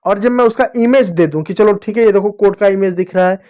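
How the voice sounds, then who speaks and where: A man teaching children to read Hindi, asking the class questions and slowly drilling each letter sound. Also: sits high, dark tone. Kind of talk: children's Hindi reading lesson.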